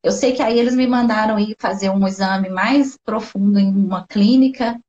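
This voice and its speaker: A woman's voice: medium pitch, moderate pace, darkish tone. A woman with a Brazilian Portuguese accent, a guest sharing a personal story with heartfelt emotion on a video call, often saying "né" and "sabe". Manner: heartfelt, tearful at times, fills speech with "né" and "sabe". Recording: dull lo-fi live stream audio.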